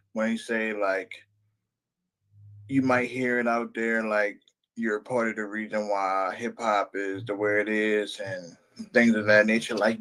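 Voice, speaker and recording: A man's voice: mid-range voice, a bit bright, poor audio. Emphatic man weighing in on a panel. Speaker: podcast panelist. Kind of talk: casual opinionated discussion.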